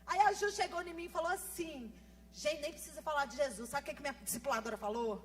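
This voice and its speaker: A woman in her thirties, a pastor, preaching a sermon fast and with lively swings between soft asides and loud emphasis. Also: high voice. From Brazil. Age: 30s. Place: church.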